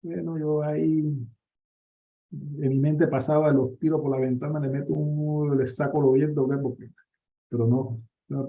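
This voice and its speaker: A priest from Panama, giving a personal faith testimony in a lively storytelling manner, with many restarts. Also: male voice, mid-range voice. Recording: dull lo-fi recording.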